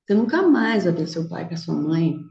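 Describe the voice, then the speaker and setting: A woman voicing a calm, protective male friend who gives quiet, earnest warnings. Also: fairly low pitch, brisk, creaky, echoey room, highs cut off, slight background noise.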